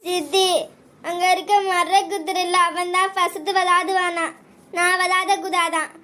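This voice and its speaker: A woman's voice: very high-pitched, fairly even intonation, measured pace, sharp tone, exaggerated voice. A woman voicing a small, tearful cartoon boy who complains that he was hit. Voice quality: tearful whine. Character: small crying boy, bullied and whiny. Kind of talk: cartoon voice acting.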